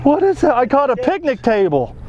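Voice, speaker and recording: A young man filming his magnet fishing outdoors on a lake dock, chatty and excitable, talking to his viewers. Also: very high-pitched, fairly quick, lo-fi sound, background noise. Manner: excitable, chatty, keeps addressing viewers as boys. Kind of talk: excited outdoor vlog commentary. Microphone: action camera worn on the body.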